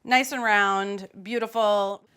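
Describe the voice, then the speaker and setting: A woman's voice: mid-range voice, steady tone, slow, a bit bright, clear, resonant tone. Chatty woman teaching in a kitchen. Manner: chatty and playful, with loose fillers. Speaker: cooking host. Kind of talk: casual cooking demonstration. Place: home kitchen.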